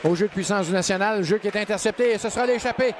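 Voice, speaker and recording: High-pitched, excited Quebec hockey play-by-play man. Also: racing, noisy background. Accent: Quebec French. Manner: shouts out goals and saves. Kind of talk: excited sports commentary.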